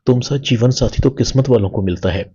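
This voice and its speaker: A man's voice: mid-range voice, warm tone, breathy edge, lo-fi sound, natural voice. A loving young wife, read by a man. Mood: tender.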